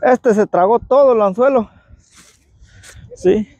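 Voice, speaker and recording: High-voiced man from Guatemala, fishing outdoors. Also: slow pace, vocal fry, no echo, muffled recording. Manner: relaxed, chatty, laughs easily. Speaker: angler vlogger. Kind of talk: casual fishing commentary. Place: outdoor lakefront pier, windy. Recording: outdoor wind and water noise.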